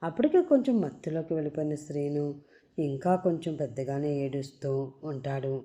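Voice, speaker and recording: A woman narrating a serialized audio story in a steady storytelling manner. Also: sits low, moderate pace. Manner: steady storytelling with channel sign-off.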